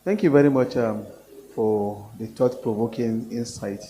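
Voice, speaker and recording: Man, from Nigeria, professor, earnest, hesitant, warm dark tone, forum remarks. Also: mid-range voice, unhurried. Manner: earnest, hesitant with fillers and restarts. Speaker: professor, panel guest.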